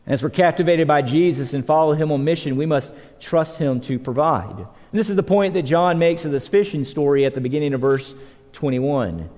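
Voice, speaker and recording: A man's voice: a little high, expressive, fairly quick, a little mellow. A man preaching a sermon as pastor, earnest and emphatic, repeating words as he builds a point and letting his voice rise and fall. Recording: long reverb of a church hall.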